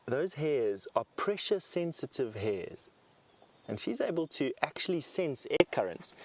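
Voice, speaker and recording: A man presenting a live safari as a guide, explaining animals to viewers in an enthusiastic, unhurried way. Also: medium pitch.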